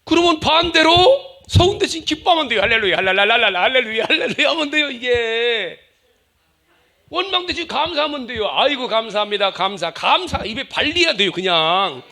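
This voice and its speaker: A male pastor preaching a humorous, animated sermon, acting out the voices he quotes. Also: very high voice, moderate pace.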